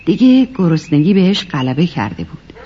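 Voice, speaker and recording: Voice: medium pitch, very animated, slight background noise. A storyteller narrating a children's tale, talking to the kids listening. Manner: addresses children warmly as listeners. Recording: lo-fi recording with music behind.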